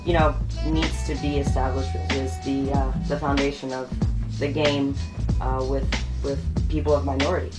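A woman in her thirties from Costa Rica, a podcast guest speaking in a measured, earnest way. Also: very deep voice, level tone, over loud music. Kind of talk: casual interview.

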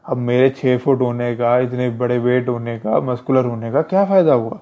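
Brief: male self-defense instructor, mellow chatty delivery, dull lo-fi recording. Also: mid-range voice, fairly even intonation, normal speed. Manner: conversational, repetitive, addresses listener as brother. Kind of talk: casual advice talk.

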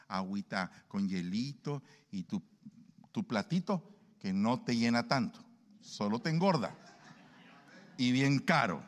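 A man preaching a sermon in an animated way, acting out everyday dialogues. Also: mid-range voice. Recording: long hall reverb.

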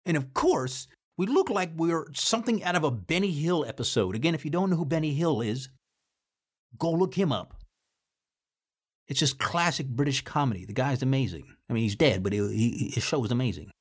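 A man telling his own story in a casual podcast, animated and freely swearing. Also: fairly high pitch, brisk, husky. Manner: animated, swears freely, acts out shouted drill orders. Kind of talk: casual first-person storytelling.

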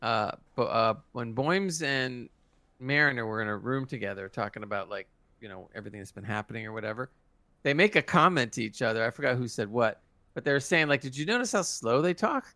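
A man's voice: mid-range voice, fairly quick, sharp tone, dry recording. A man co-hosting a podcast, chatting casually and enthusiastically, often restarting his sentences. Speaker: podcast co-host. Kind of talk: casual review chat.

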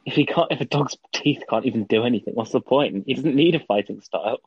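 A man co-hosting a podcast, wry and quick to laugh in casual chat. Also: mid-range voice, breathy edge, dry recording. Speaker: podcast co-host. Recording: dull lo-fi dry recording.

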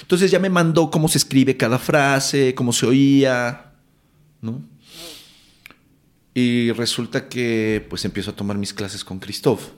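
Animated Mexican Spanish man. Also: medium pitch, unhurried. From Mexico City. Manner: animated, acts out quotes, swears casually. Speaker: actor guest. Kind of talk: casual storytelling interview.

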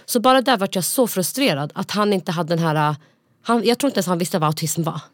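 A woman co-hosting a podcast, telling a story in a casual, animated way with frequent fillers. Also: fairly low pitch, dry recording, studio quality. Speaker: podcast co-host. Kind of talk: casual chat.

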